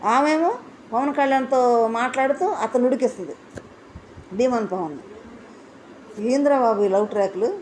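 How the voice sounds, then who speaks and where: A woman with a somewhat high voice delivers an opinionated reality show review. She speaks with indignation and throws out one rhetorical question after another. She hammers her points home by repeating them. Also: normal speed, pauses often, darkish tone, slight background noise.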